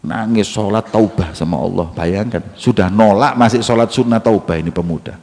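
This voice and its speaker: A man's voice: on the low side, a little fast. A male preacher, telling a story in a sermon with slang and jokes. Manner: lively, mixes in local slang and jokes. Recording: long hall reverb.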